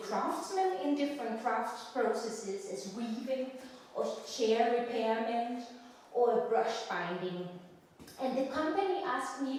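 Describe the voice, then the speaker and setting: A woman in her thirties with a Danish accent, giving an academic lecture in an unhurried, thoughtful way with frequent pauses. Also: high-pitched, dark tone, slight background noise. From Denmark. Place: large lecture hall. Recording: echoey hall, distant mic.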